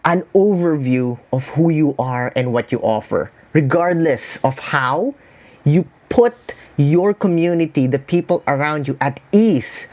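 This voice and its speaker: A man's voice: on the high side, expressive, unhurried, a little mellow. A man with a Filipino accent, speaking as a consultant in an explanatory interview style, building points through repetition and lists. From Philippines. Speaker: branding consultant.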